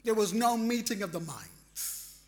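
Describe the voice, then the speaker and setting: A man telling a personal story in a reflective, animated way, acting out his own reactions. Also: sits high, a little slow. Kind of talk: storytelling talk.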